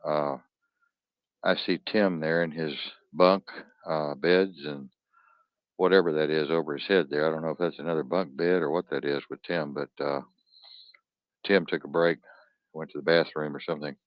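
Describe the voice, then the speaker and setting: A man with a very low, deep voice hosts a live stream, tired and blunt, swearing freely as he rambles on. The sound is dry and close, with dull, lo-fi stream audio. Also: fairly even intonation, moderate pace, pauses often, dry recording. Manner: profane, blunt, restless, barks orders at his producer. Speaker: host of an online talk stream.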